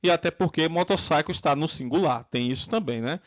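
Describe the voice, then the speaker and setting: A Brazilian man with a Brazilian Portuguese accent teaching English grammar, drilling students with repeated prompts and modeling phrases slowly. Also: a little high, dull audio. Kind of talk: online English lesson.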